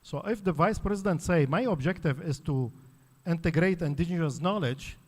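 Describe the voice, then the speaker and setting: In a reverberant hall, a Lebanese man whose native language is Arabic gives an academic conference talk. His fairly high voice moves at normal speed, explaining things with frequent fillers and restarts.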